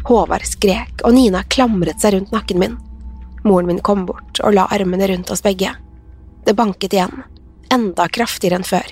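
A woman narrating a horror story in a measured, suspenseful way. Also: medium pitch, darkish tone, breathy edge, faint music behind.

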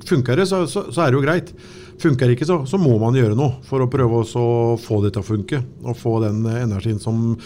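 Mellow-voiced man giving casual hockey analysis. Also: mid-range voice, slight background noise. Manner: halting, measured, thinking aloud. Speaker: hockey podcast co-host and pundit.

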